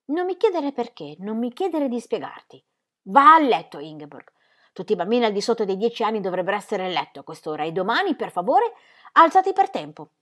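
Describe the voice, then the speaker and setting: A woman's voice: mid-range voice, big pitch swings, quick pace. A woman reading aloud, voicing an irritable, impatient male painter who bursts out emphatically. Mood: shouting. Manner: exasperated, emphatic outbursts.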